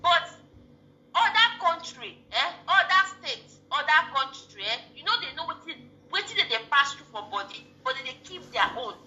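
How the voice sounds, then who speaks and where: A woman from Edo State with a Nigerian Edo accent, chatting casually in Nigerian Pidgin in a halting, repetitive way. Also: sits high, very animated, sharp tone, lo-fi sound.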